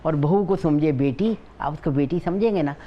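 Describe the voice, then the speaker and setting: A woman's voice: low-pitched, moderate pace, highs cut off, a little hiss or hum. An older woman with a Pakistani Urdu accent giving family advice as a guest on a TV morning show, in an earnest, motherly way. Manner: earnest, motherly, repeats herself.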